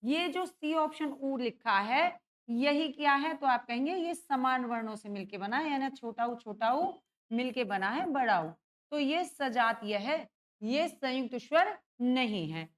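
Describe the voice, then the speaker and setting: Woman teacher, high voice, exam-prep lesson; keeps asking the class and answering herself. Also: animated, measured pace. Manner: checks in with students often, asks and answers own questions.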